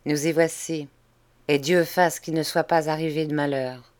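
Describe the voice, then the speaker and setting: A frightened older butler, voiced by a woman reading aloud, speaks hoarsely and haltingly, scared to say what he suspects. His voice sits low and subdued, every word weighed down by dread. The reading is plain, in a storybook manner. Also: steady tone, darkish tone, lightly acted. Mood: tense.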